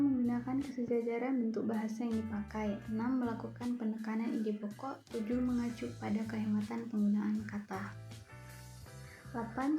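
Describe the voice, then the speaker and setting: Young woman, student reading a lesson aloud, steady numbered lists, slightly high voice, mellow tone, soft music behind. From Indonesia. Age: young adult. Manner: reads lists steadily, numbering each point. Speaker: university student presenting an assignment. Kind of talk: read-aloud class presentation.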